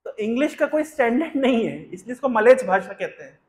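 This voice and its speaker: Spiritual teacher, male, high-pitched voice, explains step by step and keeps questioning his listeners. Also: sing-song, fast talker, darkish tone. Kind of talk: Hindi discourse with chanted Sanskrit verse.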